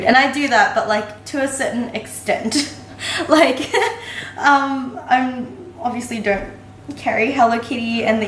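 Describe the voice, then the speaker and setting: A woman's voice: mid-range voice, recorded from a distance, a little hiss or hum. Young Australian-accented woman, echoey room. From Singapore. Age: young adult. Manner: chatty, many fillers, laughs often. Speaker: interviewee. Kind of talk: casual interview answers. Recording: echoey room, off-mic, faint ambience.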